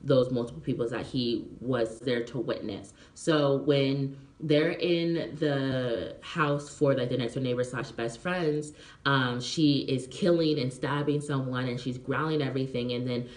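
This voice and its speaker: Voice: medium pitch, steady tone, unhurried. A movie reviewer casually explaining a plot, rambling with lots of fillers and checking whether the listener is following. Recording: roomy echo.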